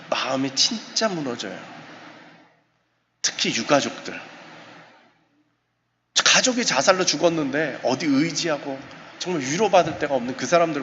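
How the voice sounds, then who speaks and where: A man, a professor, giving a lively seminar talk in a church, acting out little exchanges with his listeners. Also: a little high. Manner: animated, acts out short dialogues with the audience. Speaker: professor lecturing on suicide prevention. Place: church sanctuary. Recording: muffled recording, long church reverb, faint hiss.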